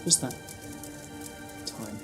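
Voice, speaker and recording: A man playing a philosophical time traveller in an audio drama, measured and theatrical. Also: music in the background. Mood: reflective, grave. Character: the Doctor, philosophical alien time traveller, reflective.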